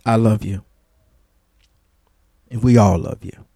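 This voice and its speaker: A man hosting a radio show, giving a heartfelt, devout on-air tribute, halting often with fillers and repeated words. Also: fairly low pitch, steady tone, creaky, slightly rough, dry recording. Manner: warm, devout and effusive.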